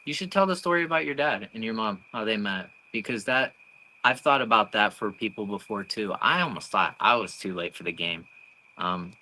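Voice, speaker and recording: Young man, twenties, bright tense tone, casual livestream talk, reads chat comments. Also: lowish voice, lively intonation, normal speed, low-quality recording. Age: 20s. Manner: reads out viewer comments chattily. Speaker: livestream co-host.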